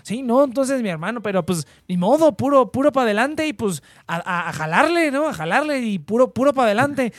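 A man's voice: very high-pitched, expressive, brisk, hardly any pauses, no echo, studio quality. A young man with a Mexican accent, chatting casually with friends in a slangy, laid-back way, telling stories.

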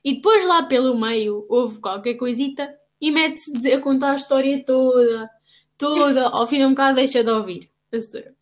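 A woman's voice: high-pitched, moderate pace. A young woman with a European Portuguese accent in casual chat, teasing her friend in a mock-scolding way.

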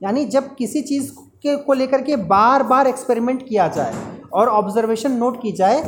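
A woman's voice: a little high, normal speed, a little hiss or hum. Hindi-speaking woman teaching linguistics. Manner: explains step by step, repeats key terms, asks rhetorical questions. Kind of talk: classroom lecture.

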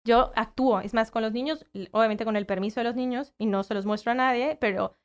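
A woman with a fairly high voice talks in a relaxed conversation. She works with children and explains her methods with lively acted-out examples. Her voice sits a little above the usual range for a woman. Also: fast talker. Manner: animated, acts out quoted voices. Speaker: guest, child educator. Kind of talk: casual conversation.

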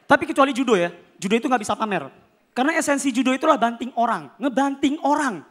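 A young man performing a stand-up comedy routine, animated, acting out characters with sudden shouts and voice changes. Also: very high-pitched, fast talker.

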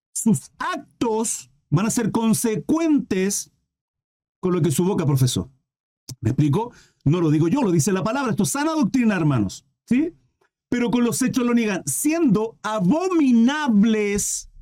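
Man, preacher, high-pitched, mellow, sermon style, calls listeners brothers. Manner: addresses listeners as brothers, asks rhetorical questions.

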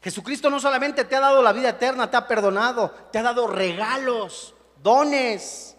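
High-voiced preacher in a reverberant hall. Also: male voice, normal speed. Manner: animated preaching, acting out quoted voices. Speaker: pastor. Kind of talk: sermon.

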